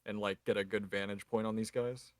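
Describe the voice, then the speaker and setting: A man's voice: lowish voice, level tone, fairly quick, slight background noise. A man talking casually as a player in a tabletop role-playing game.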